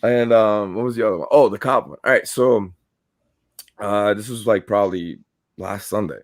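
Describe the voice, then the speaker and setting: Low-voiced profane New storyteller. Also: male voice, normal speed. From New York. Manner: profane, rambling, animated storyteller. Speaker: podcast co-host. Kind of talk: casual storytelling chat.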